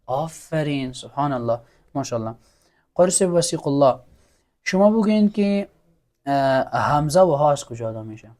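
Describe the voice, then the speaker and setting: A man's voice: on the high side, lively intonation, pauses often, darkish tone. A man teaching Quran recitation, patiently drilling letter sounds for students to repeat and praising them. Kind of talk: classroom lesson, call-and-repeat drills.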